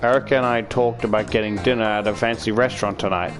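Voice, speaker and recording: A YouTuber reads a visual novel aloud, narrating a first-person story with drama and expression. His voice is fairly low and steady, and he speaks fast over loud background music.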